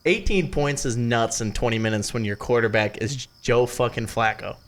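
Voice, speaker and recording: A man's voice: medium pitch, normal speed. A young man co-hosting a sports podcast, chatting casually in a dry, blunt, argumentative way. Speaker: podcast co-host.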